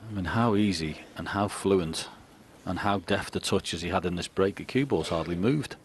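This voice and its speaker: A man's voice: low voice, moderate pace. A man giving live co-commentary on a snooker match. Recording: crowd and faint noise behind. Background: snooker arena crowd.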